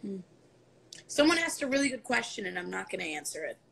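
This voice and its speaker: A woman in her twenties with a mid-range, gravelly, husky, somewhat bright voice talks fairly quickly, with big pitch swings. Chatting offhandedly on a phone livestream from her apartment room, she swears and laughs in asides, nose stuffy, phone camera at arm's length.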